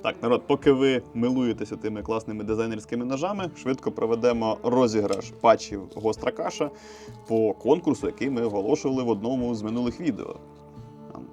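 A man's voice: mid-range voice, fast talker, mellow, soft background music. A man with a Ukrainian accent hosting a casual knife review show, talking in a chatty, joking way. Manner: chatty, joking, enthusiastic about knives.

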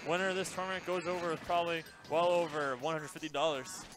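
A man's voice: on the high side, fairly even intonation, fast talker, over music. A young man commentating a live gaming tournament on a headset, laid-back and chatty with a joking streak. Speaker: esports commentator. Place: small game center room with shelves.

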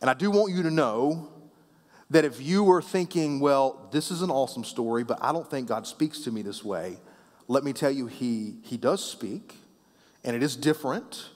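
A man preaching a sermon as pastor, conversational and playful with the congregation, often dropping soft and low at the ends of phrases. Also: lively intonation, normal speed. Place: church sanctuary. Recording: long reverb of a church hall.

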